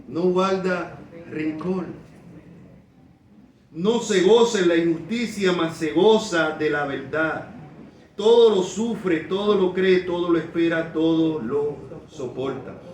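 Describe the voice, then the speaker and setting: A man delivers a sermon as pastor in a high, bright voice. He hammers key phrases slowly and dashes through quoted complaints in mimicking tones. The recording picks him up from a distance in a roomy, echoing church with faint noise behind. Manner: slow emphatic repetition of key phrases; acts out quoted people in quick voices.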